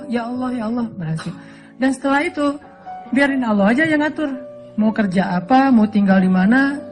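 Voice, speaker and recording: A middle-aged male Islamic preacher from Aceh, giving a relaxed, humorous sermon that jokes and acts out voices in his stories. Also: high voice. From Aceh, Indonesia. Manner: joking storytelling, often laughing.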